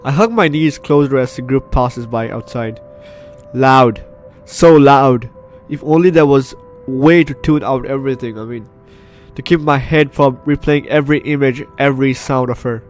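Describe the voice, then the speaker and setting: At normal speed and in a mid-range voice, a flu-recovering man hosts a let's play, reading the game's text and reacting with dramatic, repeated phrases. The game's music can be heard behind him.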